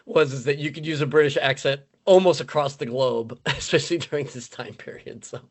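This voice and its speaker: A man's voice: on the high side, steady tone, a little fast. A man hosting a casual podcast film review, loose and filler-heavy, laughing easily. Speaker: podcast host.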